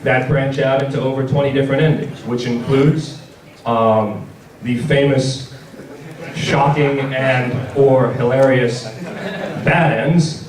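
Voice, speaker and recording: Taking it slowly in a mid-range voice with fairly even intonation, a man hosts a convention panel and jokes wryly through a casual product presentation. The large indoor room sounds roomy on a distant mic, with the audience crowd audible.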